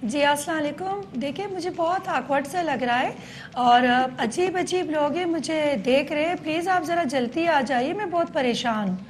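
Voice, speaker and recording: A woman's voice: high voice, a little hiss or hum, close to an everyday voice. A woman voicing a nervous teenage girl pleading on a phone call. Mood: anxious pleading. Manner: anxious, pleading.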